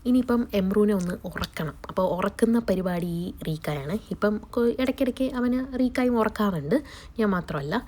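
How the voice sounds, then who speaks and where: Fighting a cold that has changed her voice, a young woman narrates a casual vlog from her family's kitchen, chattily telling viewers about her day and what she's cooking. She speaks fairly quickly at a medium pitch, expressive and warm in tone.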